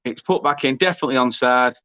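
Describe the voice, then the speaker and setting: A man's voice: mid-range voice, quick pace, no echo. A man hosting a live football watchalong, chatting and reacting to the match. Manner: excitable, shouts during goal moments. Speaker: watchalong host. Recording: dull lo-fi dry sound.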